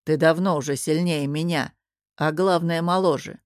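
Storybook figure: a woman playing a composed, mocking older governor, low and dry. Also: moderate pace, no echo, natural voice. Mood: calm commanding. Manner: calm, sarcastic.

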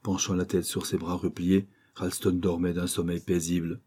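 Low, husky male audiobook narrator. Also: level tone, mellow. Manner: measured storytelling.

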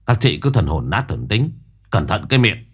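Guy doing a gruff stubborn village man, lowish voice, snaps and scolds. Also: big pitch swings, normal speed. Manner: curt, scolding.

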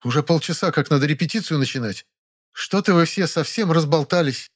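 A man's voice: on the high side, a little fast, pitched above the performer's own voice, close to an everyday voice. A man putting on a grand imperious old actress. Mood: haughty. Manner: haughty, theatrical. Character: grand sharp-tongued elderly actress, imperious.

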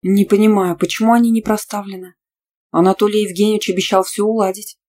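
A woman's voice: medium pitch, little pitch movement, fast, voice pushed up, close to an everyday voice. A woman voicing a young female student who answers back sharply and defiantly. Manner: sharp, defiant, easily outraged.

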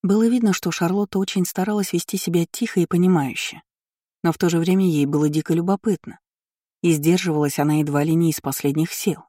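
An audiobook narrator reading a novel in an even, measured storytelling voice into a close mic. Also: mid-range voice, no room sound. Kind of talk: scripted narration.

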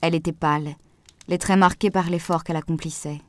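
A woman reading a novel aloud as an audiobook narrator, with an even, measured delivery. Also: low-pitched, no echo. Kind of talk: scripted narration.

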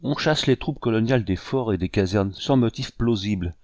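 Man voicing a scheming army captain, bitter, aggrieved, low-pitched, dry. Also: moderate pace, darkish tone, dry recording, lightly acted. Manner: feigned indignation, bitter and insistent.

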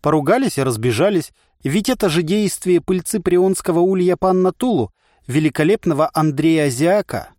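A man's voice: fairly high pitch, animated, moderate pace, a little mellow, no room sound, clean studio sound, voice pushed up, close to an everyday voice. A man doing a gleeful mad voice in one's head. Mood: chirpy. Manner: chirpy, recites adverts with glee. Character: cheerful insane male voice in one's head.

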